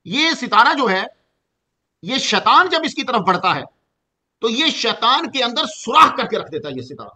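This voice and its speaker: Bright high-voiced male Quran teacher. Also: very animated, a little hiss or hum. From Pakistan. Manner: explains in Urdu, slows to chant Arabic verses. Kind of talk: Quran commentary lesson.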